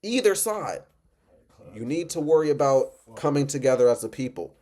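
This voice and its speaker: A man's voice: mid-range voice, fast, mellow. A man who is drunk, ranting off the cuff in an emphatic, repetitive, rambling way. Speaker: reaction video host. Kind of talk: impassioned off-the-cuff rant.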